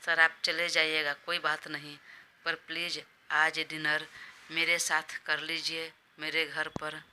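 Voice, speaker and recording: A woman's voice: deep voice, monotone, takes it slowly, pushed and bright, slight background noise, full character voice. Woman doing a coaxing, scheming young woman. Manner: pleading, coaxing. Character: scheming young woman, a sweet-talking employee.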